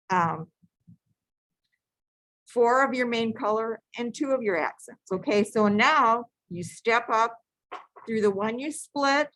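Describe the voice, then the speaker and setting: Slow, patient woman teaching beadwork. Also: a little high, a bit bright, no room sound, rough recording. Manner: patient, repetitive step-by-step instructions with self-corrections. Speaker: beading instructor. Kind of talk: step-by-step craft tutorial.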